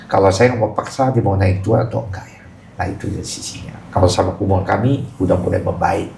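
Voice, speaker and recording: A middle-aged man with a gravelly, creaky edge tells his life story on a podcast. He speaks casually and with feeling, his voice springing high at emotional moments. The room around him is echoey. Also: brisk, a little mellow, a little hiss or hum. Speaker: guest giving testimony.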